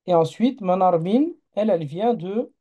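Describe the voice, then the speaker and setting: Patient male teacher, dark mellow tone, runs a live online class and checks on learners. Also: sits high, lively intonation, moderate pace, muffled recording. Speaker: Arabic teacher.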